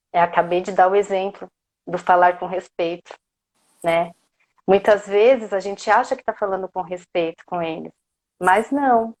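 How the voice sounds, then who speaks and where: Brazilian woman coach, mid-pitched, lecturing a parenting seminar, stacking up rhetorical questions. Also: a little mellow. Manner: keeps asking the audience rhetorical questions; often ends phrases with a questioning "né?". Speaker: coach giving a parenting talk. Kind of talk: motivational lecture.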